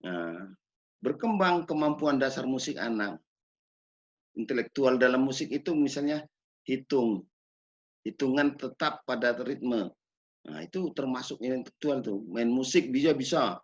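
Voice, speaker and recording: A man gives a measured lecture on children's music education, pausing to ask rhetorical questions. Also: medium pitch, expressive, breathy edge. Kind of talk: recorded lecture. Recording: dull lo-fi recording.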